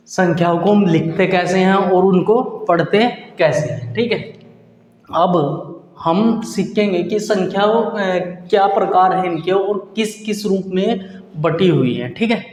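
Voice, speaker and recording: A man's voice: sits high, a little mellow, echoey room, long reverb tail. A man teaching a maths lesson. He asks questions and answers them himself, and he repeats key terms as he counts out numbers. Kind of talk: classroom lesson at a board.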